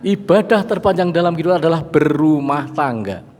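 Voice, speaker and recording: A middle-aged man with a Javanese accent preaching a lively sermon to a gathering, chatting with and joking with the audience. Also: on the high side, fairly quick. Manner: lively, mixes in Javanese phrases and jokes with the audience. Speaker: Islamic preacher. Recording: long hall reverb.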